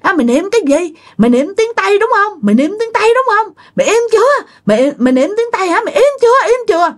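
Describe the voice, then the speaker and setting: A woman voicing a furious female ghost haunting a mannequin, scolding and shouting threats. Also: very high-pitched, big pitch swings, quick pace, pitched above the performer's own voice. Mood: furious yelling.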